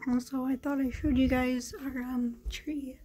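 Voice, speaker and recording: A woman's voice: sits high, little pitch movement, normal speed, mellow, soft background music. A young woman chatting casually to her vlog viewers, with a slight slurred lisp from wearing a retainer, filmed on a phone at home. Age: young adult. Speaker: vlogger. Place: rooms at home. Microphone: phone at arm's length. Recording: faint room noise, phone recording.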